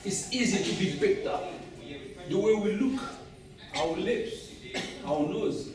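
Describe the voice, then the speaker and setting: Animated Haitian-accented man in an echoey room. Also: high voice, slow pace, a crowd in the background. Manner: animated, laughing, addresses the audience directly. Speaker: guest speaker. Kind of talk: storytelling talk to a club audience. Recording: echoey room, distant mic.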